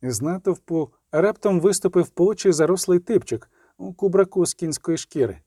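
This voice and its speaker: A male audiobook narrator who reads in an expressive, dramatic manner. His voice sits a little high. The recording is dry and close. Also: moderate pace, no room sound. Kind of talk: storybook reading.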